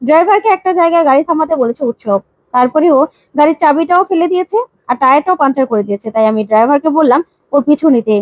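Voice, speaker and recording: A woman voicing a steady middle-aged father who explains plainly, in a retold serial story. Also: high-pitched, rapid-fire, no room sound, poor audio.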